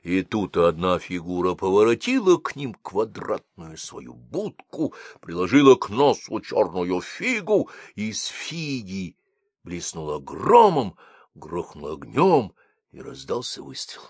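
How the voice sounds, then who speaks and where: Lively, expressive male storyteller. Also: low-pitched, a little slow, husky, dry recording. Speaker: narrator. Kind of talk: audiobook narration of a comic story.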